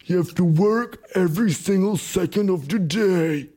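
A man mocking an intense male motivational speaker with a preachy, drawn-out, emphatic delivery. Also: high voice, warm tone, voice pushed up. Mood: fired up.

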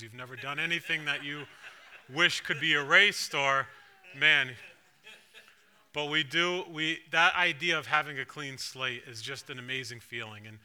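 Bright-voiced man preaching a sermon. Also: medium pitch, clear, resonant tone. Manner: conversational, asks the congregation questions. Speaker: pastor. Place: church sanctuary.

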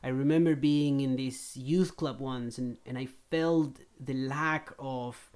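A man's voice: medium pitch, fairly even intonation, takes it slowly, a little mellow, clean tone. A man from Chile, a missionary guest telling his story in an earnest, reflective way during a casual faith conversation.

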